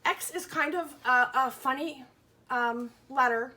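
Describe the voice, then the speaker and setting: In a high-pitched, pushed and bright voice, a woman reads a picture book aloud to young children at an unhurried pace. She explains things simply, poses questions, and emphatically sounds out letters and words during the lesson.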